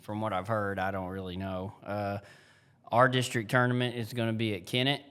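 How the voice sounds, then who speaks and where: Man, low-pitched, relaxed plainspoken coach chatting casually. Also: smooth. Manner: easygoing, plainspoken, drawn-out explanations. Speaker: girls' basketball coach and podcast co-host. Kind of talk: casual chat.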